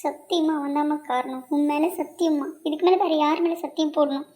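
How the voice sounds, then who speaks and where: Woman playing a young daughter in a cartoon, high voice, pleading hard, swearing she's honest. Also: steady tone, a little fast, mellow, natural voice. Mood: desperate. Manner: tearful, pleading, insistent. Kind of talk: cartoon drama voice acting.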